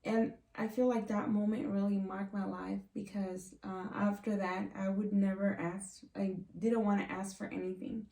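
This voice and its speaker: A woman's voice: mid-range voice, flat delivery, moderate pace, gravelly, hardly any pauses, dark tone. A woman from Mexico, telling her own story in an earnest, reflective vlog. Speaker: vlogger. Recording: roomy, distant from the mic.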